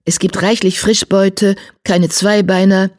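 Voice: medium pitch, flat delivery, measured pace, pitched above the performer's own voice, natural voice. A narrator voicing a wiry grey tomcat warrior who speaks firmly and earnestly. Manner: firm, earnest. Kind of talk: audiobook character voice.

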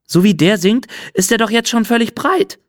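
A man's voice: sits high, lively intonation, normal speed, no echo, pitched above the performer's own voice. Suspicious, grumbling, small male insect, read by a man, dry close sound. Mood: skeptical. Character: small wary male insect, grumpy skeptic.

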